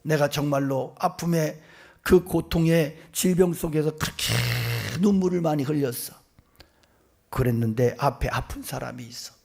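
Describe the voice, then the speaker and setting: Middle-aged guy preaching, raspy gravelly voice, goes from whispering to loud and animated. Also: a little high, normal speed. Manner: animated storytelling, acting out voices, swinging between whispers and loud outbursts. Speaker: senior pastor. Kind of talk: sermon.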